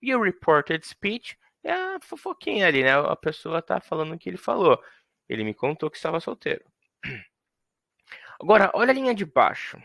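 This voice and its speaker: Lively, gravelly-voiced Brazilian male teacher. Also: fairly high pitch, moderate pace, dry recording. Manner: lively, playful, acts out little scenes with example sentences. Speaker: English teacher. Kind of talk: explaining grammar to students.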